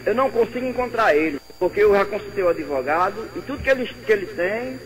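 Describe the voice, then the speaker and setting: An older man calling into a radio show with a northeastern Brazilian accent, talking earnestly with halting repeats. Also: sits high, expressive, rough recording. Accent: Brazilian Portuguese, northeastern. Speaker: caller. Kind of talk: phone-in call.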